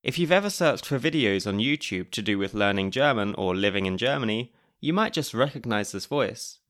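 A British podcast host narrates his show's scripted segments with a wry, chatty touch. His voice sits lowish and is expressive and brisk, with a fairly bright tone.

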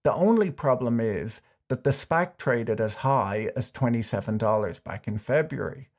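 A man hosting a scripted finance explainer, delivering it with dry, wry deadpan humor. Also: mid-range voice, moderate pace. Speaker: YouTube finance commentator.

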